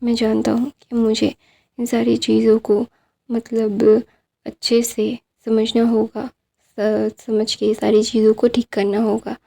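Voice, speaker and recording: Stern cold husband, curt and flat, low-key creaky voice, read by a woman storyteller. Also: slow, heavily acted. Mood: apologetic.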